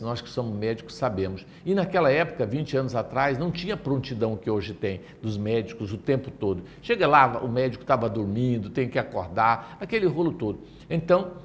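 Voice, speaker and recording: A middle-aged man with a Brazilian accent, giving a spiritist talk as an emotional personal testimony, full of restarts. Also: mid-range voice. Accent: Brazilian Portuguese. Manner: emotional, vivid storytelling with many restarts. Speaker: lecturer at a spiritist center.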